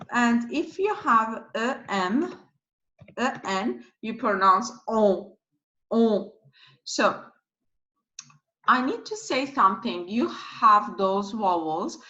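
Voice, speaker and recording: A woman teaching pronunciation slowly, repeating each word and spelling out letters. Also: medium pitch, pushed and bright, dull audio. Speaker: French teacher. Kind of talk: slow pronunciation lesson.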